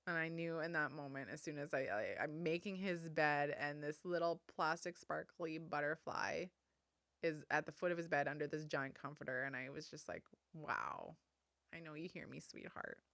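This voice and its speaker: A woman, hosting a solo podcast and sharing memories in a soft, heartfelt way, close to the mic. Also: low voice, normal speed, no room sound. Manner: soft, heartfelt, tender storytelling. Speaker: podcast host.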